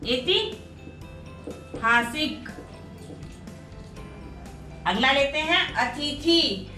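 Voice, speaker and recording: Slow, high-voiced Hindi teacher woman. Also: lively intonation, fairly bright tone. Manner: slow, careful, repeats each word for students. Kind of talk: explaining a grammar exercise. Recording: echoey room with faint music.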